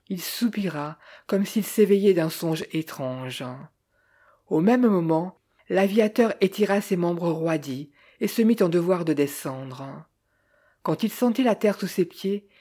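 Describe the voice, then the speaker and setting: A woman narrating a novel in a measured, unhurried reading. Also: fairly low pitch, warm tone. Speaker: audiobook narrator. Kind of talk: scripted literary narration.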